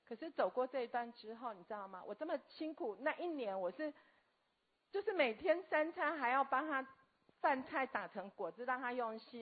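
Husky woman. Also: a little high. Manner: earnest, halting storytelling with restarts. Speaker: guest. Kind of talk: personal testimony. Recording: tinny phone-like audio.

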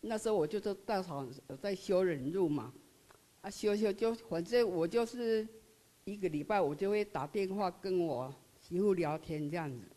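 An older woman with a Taiwanese Mandarin accent, telling her personal story in a halting, earnest way, full of tag particles. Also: fairly low pitch, warm tone. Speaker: member sharing her experience. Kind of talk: personal testimony.

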